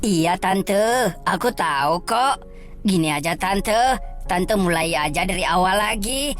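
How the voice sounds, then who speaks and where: A woman voicing a kind young neighbor girl in a cartoon, gently soothing a crying woman. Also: on the low side. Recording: faint music underneath.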